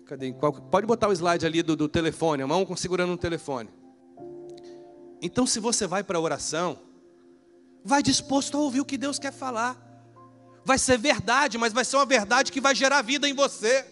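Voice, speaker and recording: A man preaching a sermon as pastor in a church, animated and acting out dialogues. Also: high voice, moderate pace. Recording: echoey church hall with faint music.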